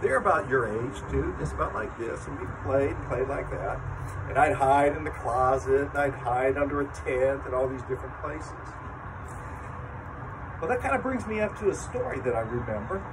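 An older man with grandchildren leading a lively children's sermon outdoors, talking straight to the kids as he tells a story. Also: mid-range voice, moderate pace. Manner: animated storytelling, talks to children. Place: outdoor covered chapel area. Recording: distant mic with traffic noise outdoors.

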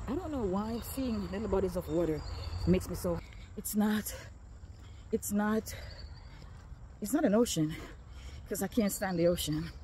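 Walking a neighborhood street, a slightly breathless Jamaican woman vlogs casually to viewers through her phone. Her mid-range voice has a dark tone and an unhurried delivery with frequent pauses, over slight background noise.

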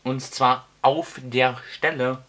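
A small, fussy homeowner, as a male reader gives him voice, stiffly polite and flustered. He speaks slowly in a bright, sharp tone, in an audiobook. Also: mid-range voice, steady tone. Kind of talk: audiobook character voice.

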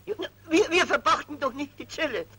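A stammering, high-voiced fussy clerk. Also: male voice, fairly quick, gravelly, heavily acted, low-quality recording. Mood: fawning. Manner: stammering, deferential, excitable. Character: flustered fussy male minor civil servant. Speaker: stammering petty official. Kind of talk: 1940s film acting.

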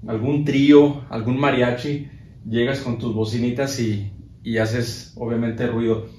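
A man's voice: medium pitch, measured pace, slight background noise. Chatty Mexican man showing off gear. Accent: Mexican Spanish. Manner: relaxed, chatty, many fillers and restarts while handling gear. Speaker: sound equipment vlogger. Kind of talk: casual product show-and-tell.

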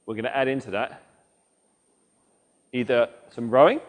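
A man's voice: medium pitch, moderate pace. A man in his thirties, a fitness coach talking through exercises as he demonstrates them in a large indoor gym, on a lapel mic. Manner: instructive, demonstrates moves while talking. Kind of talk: workout demonstration.

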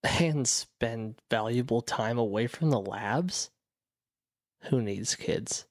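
A man voicing Logic, a devoted, witty partner in an audio drama, gentle and reassuring. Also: medium pitch, lively intonation, takes it slowly, no room sound, clean studio sound. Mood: tender.

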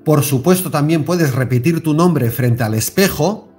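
A man with a Spain Spanish accent gives a spiritual self-help talk to camera, lively and repetitive, often checking in with his listeners. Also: on the high side, unhurried, breathy edge, soft background music. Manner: animated, repeats words and stresses with tag questions. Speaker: self-help video host.

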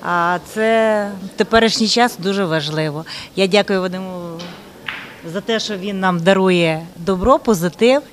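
A woman giving measured, speech-like feedback after a cooking class. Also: mid-range voice, slight background noise. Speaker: master class participant. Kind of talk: casual spoken feedback.

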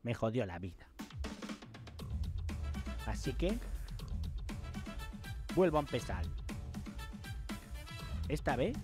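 A man from voicing a down-on-his-luck male restaurant owner starting his life over, in a slow, low-key character intro over background music. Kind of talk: character intro video narration.

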